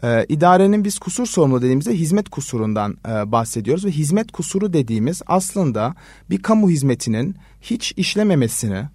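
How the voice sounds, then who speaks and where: A man who is a law research assistant, answering interview questions in a measured way with many hesitation fillers. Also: fairly high pitch, sing-song, a little mellow, breathy edge, no echo. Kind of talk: explanatory radio interview answers.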